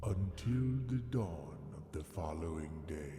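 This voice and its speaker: A man playing a mysterious fortune teller in a game, speaking slowly and portentously in hushed tones over loud music. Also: low voice, expressive, reverberant. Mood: ominous. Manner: slow, portentous, hushed delivery. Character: mysterious male fortune teller machine, ominous.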